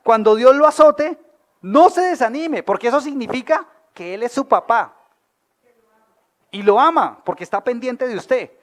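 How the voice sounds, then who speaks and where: A man's voice: very high voice, normal speed. A man with a Colombian accent, preaching a sermon as pastor. He is colloquial and humorous and keeps asking the audience questions. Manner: lively, asks the audience questions.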